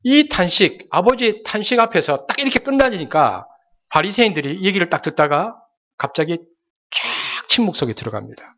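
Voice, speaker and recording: A man's voice: high-pitched, very animated, normal speed, muffled recording. A male pastor preaching a sermon, speaking dramatically and addressing the congregation directly.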